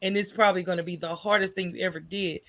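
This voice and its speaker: A low-voiced American woman speaks quickly as a podcast guest, recounting stories in a lively, colloquial, candid way and repeatedly checking in with "right?".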